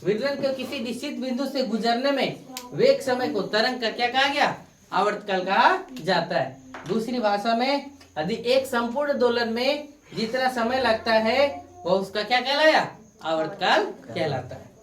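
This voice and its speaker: A fairly high-pitched woman tutor lectures a classroom, repeating each term and turning it into a question for the students to answer. She sounds distant from the mic in a roomy, echoing space. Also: lively intonation, a little slow. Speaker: science tutor. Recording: echoey room, far from the mic.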